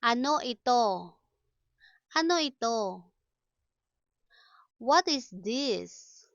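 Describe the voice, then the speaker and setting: A woman from the Philippines teaching a language, saying each short phrase twice in a slow drill and then giving its English meaning. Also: a little high, animated, no room sound.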